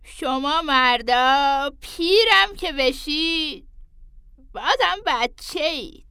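A woman's voice: sits high, expressive, bright, forceful tone, no room sound, clean studio sound, exaggerated voice. A woman voicing a fussy, tender old woman who pleads affectionately and calls on saints, in an audio story. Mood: coaxing. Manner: affectionate, pleading, with religious exclamations. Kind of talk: audio drama reading.

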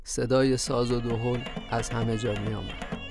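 A man narrating a literary story in a measured, grave manner. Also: medium pitch, flat delivery, creaky, darkish tone, faint music behind.

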